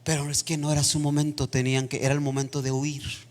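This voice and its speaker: High-pitched guy preaching in church, gets fired up, big hall echo. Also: level tone, quick pace. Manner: impassioned preaching that rises to near-shouting. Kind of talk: sermon. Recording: long reverb of a church hall.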